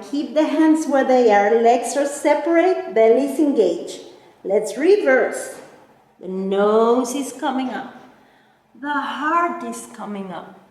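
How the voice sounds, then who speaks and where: Pilates teacher lady, high voice, slow counting and cues, super echoey far off mic. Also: a little mellow. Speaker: Pilates instructor leading a mat class. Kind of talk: exercise class instruction, step-by-step cues and counting. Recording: very echoey, reverberant room, distant mic.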